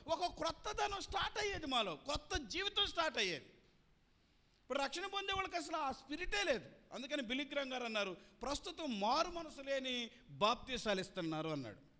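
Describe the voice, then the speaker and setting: A man's voice: very high-pitched, sharp tone. A male pastor preaching a sermon, building repetitive lists with rising emphasis and asking the congregation to repeat key words. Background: congregation present.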